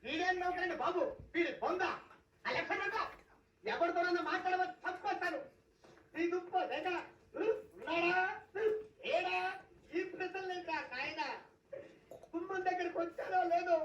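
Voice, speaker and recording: A woman's voice: very high-pitched, moderate pace, long pauses, fairly bright tone, recorded from a distance, slight background noise. Theatrical woman acting out comedy skits. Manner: theatrical, shifting characters. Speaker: comedy sketch performer. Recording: roomy, off-mic, dull lo-fi sound.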